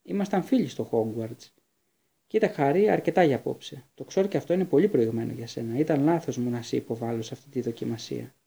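A kindly yet guarded teacher of magic in a storybook, speaking with a warm, husky, gravelly voice, as a male reader puts him on. He sounds gentle and measured, turning curt at times. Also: medium pitch.

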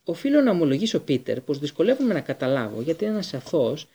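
A man reading a calm, deadpan professor. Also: fairly high pitch, breathy edge, heavily acted. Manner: deadpan, polite. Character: calm, courteous male professor.

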